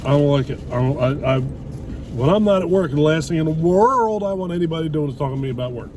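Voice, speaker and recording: A man's voice: on the high side, expressive, fast. A middle-aged man in casual conversation, talking in a blunt, opinionated way. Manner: blunt, opinionated, lightly swearing. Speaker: vlogger chatting with his wife over a meal. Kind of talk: casual chat. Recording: distant mic, loud traffic and car noise.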